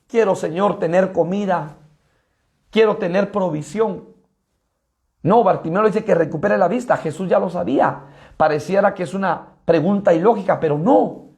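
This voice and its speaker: A man's voice: sits high, vocal fry, a little mellow. A male pastor with a Guatemalan accent preaching a sermon, emphatic and addressing the congregation directly. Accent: Guatemalan Spanish.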